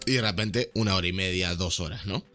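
A man's voice: low voice, quick pace, pushed and bright, faint music behind. A young man with a Rioplatense Spanish accent, ranting animatedly in a casual podcast chat, full of slang. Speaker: podcast host.

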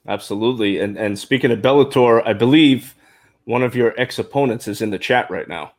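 A man's voice: medium pitch, fairly quick. A man with a thick Brooklyn accent, hosting a podcast and chatting casually in a sports interview. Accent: Brooklyn, New York. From Brooklyn, New York. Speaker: podcast host.

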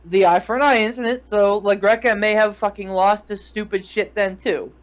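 A man's voice: sits high, fairly even intonation, normal speed. A man co-hosts a podcast in loose banter. He swears constantly and mocks others with a jokey, irreverent edge. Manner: heavy swearing, mocking. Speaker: podcast co-host. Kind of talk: casual banter.

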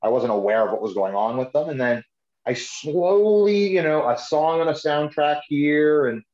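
A man's voice: on the high side, animated, moderate pace, a little mellow. A man co-hosting a podcast, chatting casually about music in an informal, buddy-like way. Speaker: podcast co-host. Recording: dull, echoey room sound.

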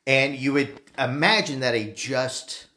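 A man co-hosting a podcast, explaining things in a measured way with many fillers and restarts. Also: medium pitch, sharp tone. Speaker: podcast co-host. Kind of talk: casual podcast discussion.

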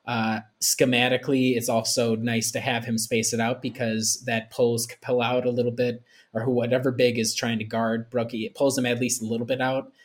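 A man's voice: mid-range voice, level tone, a little fast, few pauses. A man with a mid-range voice talks sport casually on a podcast. He is opinionated and slangy. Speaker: basketball podcast panelist.

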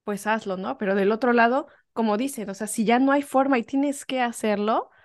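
A woman's voice: fairly high pitch, a little fast, no echo, studio quality. A woman hosting a casual podcast conversation, chatty and often searching for her words. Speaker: podcast host.

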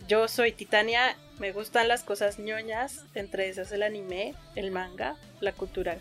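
A woman's voice: medium pitch, steady tone, unhurried, fairly bright tone, soft background music. A woman with a Colombian accent chatting casually as a podcast host, with a cute, playful, giggly anime-fan manner. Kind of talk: casual chat.

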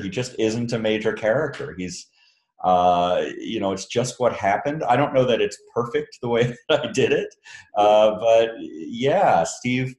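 A man's voice: medium pitch, echoey room. Chatty man on a video call. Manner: relaxed, chatty, laughs easily, many fillers. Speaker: author interviewed by a book club. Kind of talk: casual video call interview.

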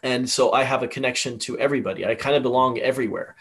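Man from Tanzania, podcast guest, earnest, reflective, mid-pitched, halting restarts. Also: husky. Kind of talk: reflective conversation.

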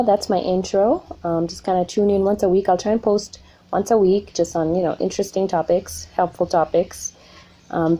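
A woman from Kenya talks casually on her own podcast in an American accent. Her voice sits slightly on the low side. She is informal and conversational, sharing thoughts in a loose, unscripted way. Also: warm tone. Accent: American, picked up in Ohio. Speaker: podcast host and small business owner. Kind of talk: casual solo podcast talk.

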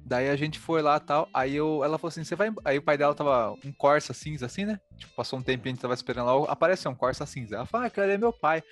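A man with a Brazilian Portuguese accent, hosting a podcast and telling a story in casual chat, animated and quick, full of fillers. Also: on the high side, soft background music. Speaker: podcast host.

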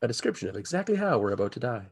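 A man's voice: medium pitch, big pitch swings, rapid-fire, gravelly, husky. A man playing a tabletop game, chatting casually with wry, wisecracking humor. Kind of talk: casual joking banter.

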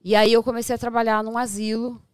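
A woman from Brazil with a Brazilian Portuguese accent, a podcast guest telling stories in a lively, animated way. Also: a little high, fast talker, smooth, no room sound. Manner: lively storyteller who acts out voices and laughs often. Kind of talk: casual storytelling chat. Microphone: studio podcast mic.

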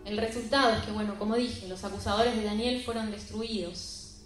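A woman's voice: mid-range voice, steady tone, moderate pace. Woman preaching in a very echoey room. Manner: storytelling, emphatic and conversational. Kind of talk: sermon. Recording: very echoey room with faint music.

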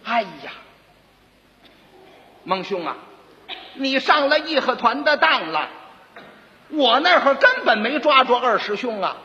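Brief: man voicing a mocking Beijing-accented magistrate, bright and sharp, high-pitched, old dull recording. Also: sing-song, unhurried, pauses often, heavily acted. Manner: mocking, laughing, cold sneers. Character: scornful sharp-tongued male county magistrate. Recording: dull lo-fi recording with long reverb.

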